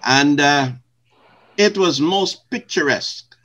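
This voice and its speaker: An older man from Guyana, a retired pastor, answering interview questions in slow, measured, formal phrasing. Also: fairly high pitch, bright, forceful tone.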